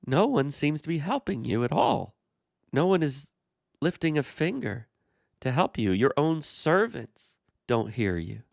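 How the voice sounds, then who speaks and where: A man hosting a Bible study, explaining the passage in a measured way and speaking to the character directly. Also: a little high, big pitch swings, creaky, no echo, studio quality. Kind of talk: scripture commentary dialogue.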